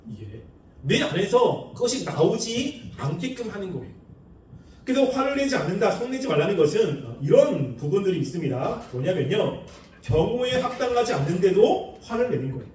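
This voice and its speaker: A man preaching a sermon in a lively, animated way, acting out the people he quotes with laughs. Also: sits high, slight background noise. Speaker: pastor. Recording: echoey room, far from the mic.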